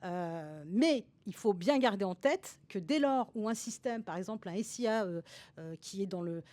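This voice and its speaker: A woman's voice: mid-range voice, expressive, moderate pace, a little mellow. A woman consultant explaining a topic over slides in a webinar, hesitant and full of fillers, with restarts and tags at the ends of her sentences.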